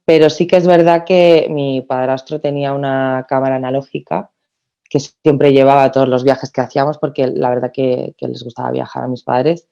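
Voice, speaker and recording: A woman's voice: a bass voice, normal speed, creaky. Woman guest on a dull lo-fi line. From Spain. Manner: lively storytelling with frequent restarts. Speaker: podcast guest. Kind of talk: casual podcast interview.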